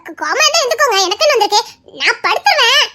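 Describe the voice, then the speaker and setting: A woman's voice: very high voice, sing-song, rapid-fire, very noisy. A woman pleading and laughing in a casual couple chat, whining as she coaxes her husband to talk. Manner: pleading, laughs and whines while coaxing. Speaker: wife in a couple vlog.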